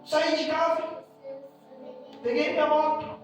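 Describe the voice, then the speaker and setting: A Brazilian pastor preaching a sermon, telling his story with emotion and breaking into shouts. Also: very high-pitched, steady tone, slow pace, very echoey, recorded from a distance, faint music behind, rough recording.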